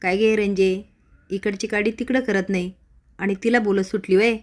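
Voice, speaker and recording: An older village matriarch scolds and smooths things over in rustic speech, as a woman storyteller reads her lines. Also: mid-range voice, fairly even intonation, normal speed, darkish tone, lightly acted. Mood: scolding.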